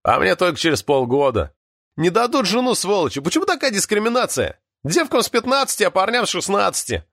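A man doing a brash, shouting teenage boy. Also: high-pitched, big pitch swings, a little fast, dry recording, clean studio sound, pitched above the performer's own voice, exaggerated voice. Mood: indignant. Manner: shouting, indignant.

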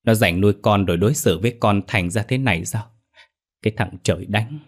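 A man's voice: lowish voice, a little fast, close to an everyday voice. A man voicing a grieving old grandmother who cries out and laments. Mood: grieving, wailing. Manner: wailing, lamenting.

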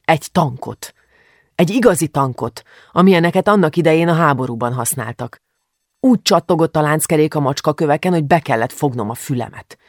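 A reader voicing an excitable, boastful boy. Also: medium pitch, no echo, studio quality. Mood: excited. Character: excitable young boy, prone to exaggerate.

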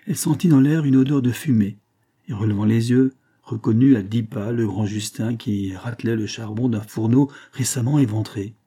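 A man narrating a classic novel aloud in a steady, measured reading. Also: medium pitch, husky. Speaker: audiobook narrator. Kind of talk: scripted narration.

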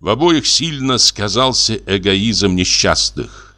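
A man narrating a classic short story as an audiobook, in a measured, deliberate reading. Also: on the low side, animated, pushed and bright. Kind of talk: scripted literary narration.

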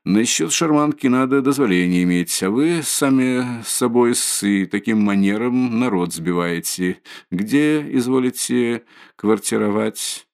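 A man's voice: medium pitch, measured pace, darkish tone, natural voice. A man reading an audiobook, voicing a stolid male street policeman who speaks in an officious, formal way.

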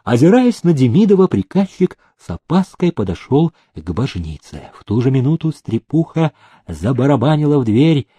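A man reading an audiobook in an expressive, dramatic way. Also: mid-range voice, moderate pace, breathy edge, no room sound. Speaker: audiobook narrator. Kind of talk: audiobook narration.

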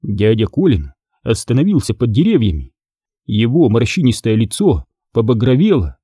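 A man narrating a children's storybook in an expressive reading. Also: mid-range voice, moderate pace, husky, dry recording, clean studio sound. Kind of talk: audiobook narration.

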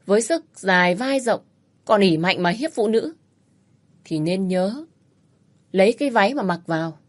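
A woman's voice: medium pitch, moderate pace, natural voice. A woman voicing a cold, dry-spoken man. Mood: cool mocking. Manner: calm, dry, curt, mocking. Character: cool, aloof, protective wealthy man.

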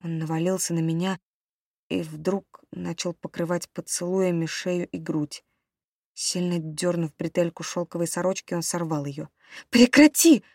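A woman reading a novel aloud in the first person, as a steady audiobook narrator. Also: on the low side, normal speed, no echo, studio quality.

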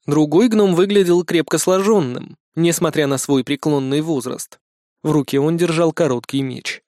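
Male audiobook narrator, ironic asides, somewhat high voice, dry close sound. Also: normal speed, darkish tone, no echo.

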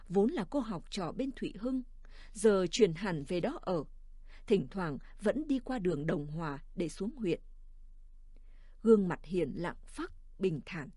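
A woman narrating a story in a calm, measured audiobook reading. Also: mid-range voice, slightly rough, no room sound, studio quality.

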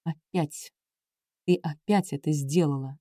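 A woman's voice: lowish voice, expressive, a little fast, darkish tone, no room sound, clean studio sound, close to an everyday voice. A woman reading an audiobook, voicing a stern young man who talks in a clipped, exasperated way. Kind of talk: audiobook character voice.

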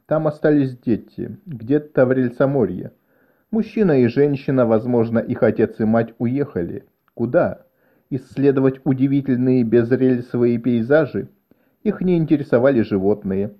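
Measured male audiobook narrator, dull sound. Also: mid-range voice. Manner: measured, even storytelling. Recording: dull lo-fi recording.

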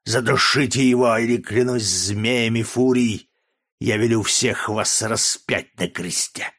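A man reading an audiobook, voicing a sick, raging old Roman dictator with a hoarse, frenzied voice. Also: mid-range voice, slow, fairly bright tone.

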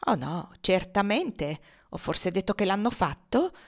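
A woman reading the part of a calm, cunning enslaved woman who speaks with icy mockery. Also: mid-range voice, close to an everyday voice. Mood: mocking. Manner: icy and mocking, slow and quiet.

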